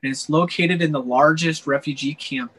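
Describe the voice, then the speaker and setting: A man's voice: a little high, moderate pace, husky, poor audio. Earnest Wisconsin-raised man, interview guest. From Wisconsin, USA. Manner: earnest, steady, frequent "uh" fillers. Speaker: missionary guest. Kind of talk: interview answers.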